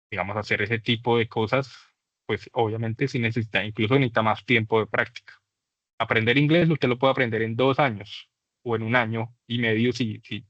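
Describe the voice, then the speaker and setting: A man's voice: medium pitch, bright, forceful tone, no room sound. A man teaching an English class, explaining patiently and exaggerating vowel sounds to demonstrate them. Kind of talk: class lecture. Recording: dull lo-fi dry recording.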